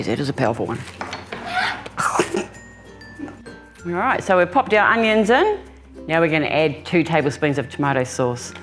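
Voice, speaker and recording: A woman with a New Zealand accent and a slightly low voice walks through a home cooking demonstration. She is chatty and informal, addressing viewers like family, with music playing underneath. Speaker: home cooking show host.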